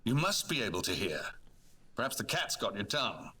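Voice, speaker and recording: A man's voice: fairly low pitch, big pitch swings, a little fast, sharp tone, breathy edge, exaggerated voice. An actor playing a proud, grandiose male scientist who has created life, in a game.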